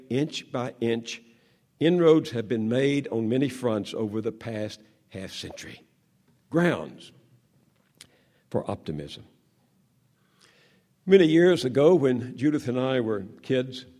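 Here a seventy-something journalist from the US South speaks with careful measure, and his dramatic pauses drift down to a quiet hush.

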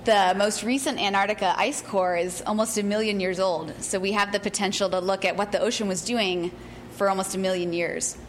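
A woman's voice: medium pitch, steady tone, fairly quick, slight background noise. A woman researcher giving a scientific presentation to an audience. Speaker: researcher presenting her work.

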